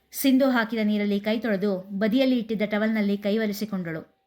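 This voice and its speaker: A woman narrating a scripted story in a measured, expressive reading. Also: medium pitch.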